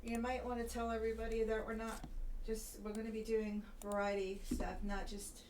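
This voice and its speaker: A woman's voice: on the high side, flat delivery, a little fast, darkish tone. Tired woman rambling from way off the mic, sounds like she's in a cave, hissy. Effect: hollow cave-like echo from an unhooked mic. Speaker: stream co-host. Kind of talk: casual chat. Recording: distant, noisy, cave-like echo.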